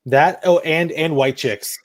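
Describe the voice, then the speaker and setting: A man's voice: a little high, measured pace, dry recording. A man from Florida hosting a podcast, chatting casually and joking with movie quotes. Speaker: podcast host. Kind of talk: casual chat.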